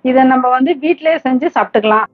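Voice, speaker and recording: A woman hosting a home cooking channel, calmly walking through each step and ingredient. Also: high voice, fast, breathy edge, no room sound, phone-quality sound. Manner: calm, instructive, listing ingredients steadily. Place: home kitchen.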